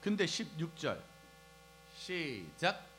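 A man preaching a lively sermon to young people, asking the crowd questions and acting out scenes as he goes. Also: fairly high pitch, slow, low-quality recording. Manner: animated, asks the crowd questions and acts out scenes. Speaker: preacher at a youth service. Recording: faint music and mains hum behind.

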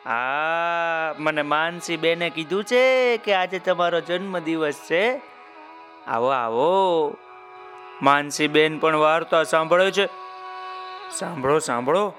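A middle-aged male storyteller reading to young children. He takes his time, lilting up and down, and keeps turning to speak to the listeners directly. His voice sits high for a man, and faint music plays behind him. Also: measured pace. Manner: warm, sing-song, addresses listeners directly.

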